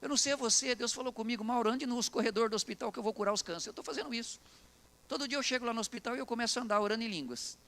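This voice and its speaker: High, bright Brazilian preacher man. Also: rapid-fire. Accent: Brazilian Portuguese. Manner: animated, preaching with acted quotes and jokes to the congregation. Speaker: pastor. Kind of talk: sermon. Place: church.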